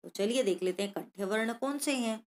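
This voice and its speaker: A woman's voice: on the high side, a little fast. A woman Sanskrit teacher going through a worksheet lesson, sounding out each letter and speaking directly to the children watching.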